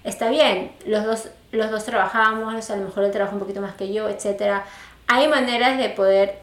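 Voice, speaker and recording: Woman, casual co-host, emphatic and expressive, roomy echoey sound. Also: medium pitch, brisk. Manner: lively, expressive, emphatic storyteller. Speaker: podcast co-host. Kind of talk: casual chat. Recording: echoey room.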